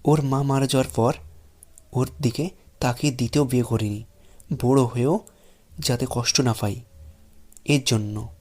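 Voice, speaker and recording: An actor playing a stern, protective wealthy father in a Bengali audio drama, giving a measured, pointed warning. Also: mid-range voice, steady tone, darkish tone, close to an everyday voice.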